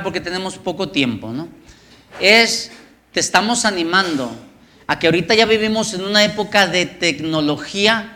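A man pastor preaching casually, halting often with fillers. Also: high voice, sharp tone. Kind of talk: sermon.

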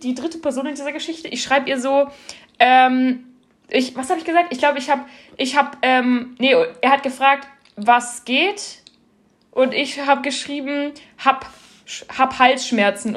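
Giggly young woman, high voice. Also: moderate pace. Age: young adult. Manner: giggly, animated storytelling. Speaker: podcast co-host. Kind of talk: casual podcast chat.

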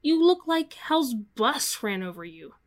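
Magic shop keeper, audio drama, actress, high animated voice, scolding, exasperated, fussing. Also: female voice, measured pace. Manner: exasperated, emphatic.

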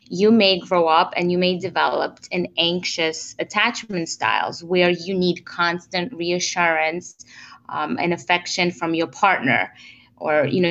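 A woman coach talks through her ideas in a loose, conversational way, often pausing with fillers and starting sentences again. Her voice sits low for a woman. The audio is dull and lo-fi. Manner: relaxed, many fillers and restarts. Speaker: relationship coach, guest. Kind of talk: casual interview explanation.

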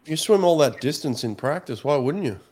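A man's voice: a little high, expressive, a little fast, a little mellow, husky. A man hosting a casual live stream, chatting with callers in an upbeat, laid-back way. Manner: laid-back, upbeat, calls guests champ and mate. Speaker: host.

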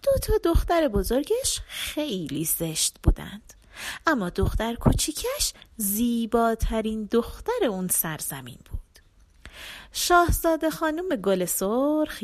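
Animated woman reading a fairy tale. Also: fairly high pitch. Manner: expressive, animated. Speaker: storyteller. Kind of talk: scripted narration of a folk tale.

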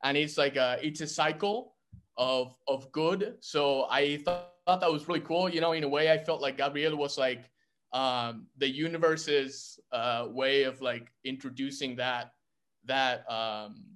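A young man from Argentina talking casually in a group discussion, halting with lots of fillers and restarts. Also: mid-range voice, a bit bright. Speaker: actor in a script reading.

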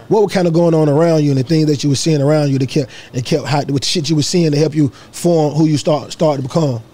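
Man, interviewer, casual slangy chat, quick pace, mellow dark tone. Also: a little high, fairly even intonation. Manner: loose, slangy, repeats "you know what I'm saying".

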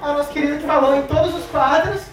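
A woman's voice: sits high, fast talker, recorded from a distance, a crowd in the background. A woman co-hosting a live podcast, affectionate and hyping up guests from the audience. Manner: affectionate, calls people "amor", hypes guests. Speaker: podcast co-host. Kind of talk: casual live podcast chat. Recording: roomy live recording from off-mic, audience noise.

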